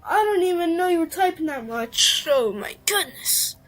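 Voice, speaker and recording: A woman's voice: very high voice, expressive, normal speed, a bit bright, soft background music. A woman live-streaming a game in casual, playful chatter, making silly sound noises as she plays, on a built-in device mic. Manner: playful, makes silly "bop bop" noises while playing. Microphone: built-in device mic, no headset mic.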